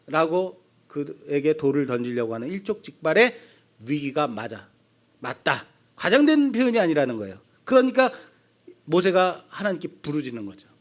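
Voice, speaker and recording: A middle-aged male pastor with a Seoul accent delivers an expository sermon. He talks in a high voice that swings widely in pitch. He keeps putting questions to the congregation and acts out the voices of the people he quotes. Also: sing-song, moderate pace. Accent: Seoul Korean. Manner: asks the congregation questions and answers them.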